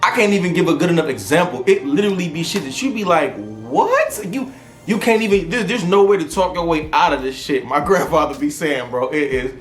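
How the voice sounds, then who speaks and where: Animated man, roomy echo. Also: a little high, fast. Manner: animated, profane storytelling with frequent laughter. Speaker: podcast host. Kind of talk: casual comedic monologue. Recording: roomy echo with faint music.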